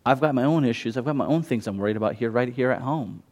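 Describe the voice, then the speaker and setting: An American imam talks informally to an audience at a meditation center, speaking fast in a medium-pitched, darkish voice. His talk is loose and conversational, full of fillers and restarts.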